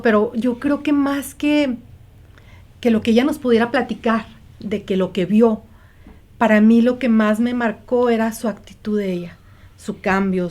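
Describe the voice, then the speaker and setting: A woman's voice: medium pitch, darkish tone. A woman, a mother telling her story earnestly in a conversation and acting out the quoted lines. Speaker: guest, mother sharing testimony. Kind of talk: conversational testimony.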